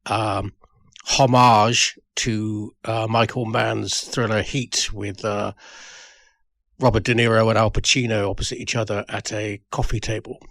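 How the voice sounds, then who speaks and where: A man's voice: lowish voice, little pitch movement, unhurried, gravelly, a bit bright, dry recording. A man reminiscing about a fellow performer in a tribute, talking with many hesitations and restarts. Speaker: audio drama writer.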